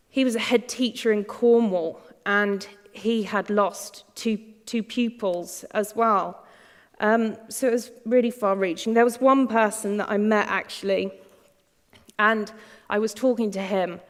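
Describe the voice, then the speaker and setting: Woman speaker telling her own story to an audience, casual and candid, in a reverberant hall. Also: medium pitch. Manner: chatty, candid, laughs often, many fillers and restarts. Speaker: speaker giving a talk. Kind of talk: personal story talk to an audience. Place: large lecture hall.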